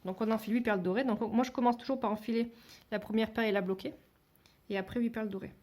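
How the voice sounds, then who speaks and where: A woman's voice: a little high, fairly even intonation, fast talker, darkish tone. A woman giving a step-by-step beading tutorial, talking hesitantly with many fillers and restarts, and dropping to a near whisper while she counts beads. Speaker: beading instructor.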